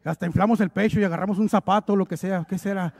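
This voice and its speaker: A man's voice: sits high, steady tone, quick pace, creaky, a little mellow, no echo. A male preacher delivering an emphatic, exhorting sermon, lightened with humorous acted asides.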